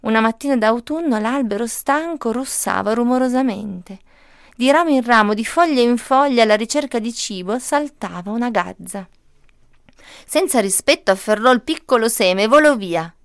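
A woman reading a children's story aloud in a gentle, expressive way. Her voice is slightly high, smooth and resonant, and it comes across dry and close to the mic. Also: moderate pace, no room sound.

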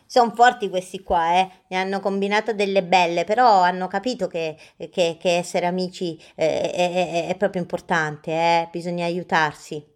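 A woman hosting and reading a children's story aloud in a lively, playful, sing-song way. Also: fairly low pitch, moderate pace, few pauses. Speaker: storyteller host.

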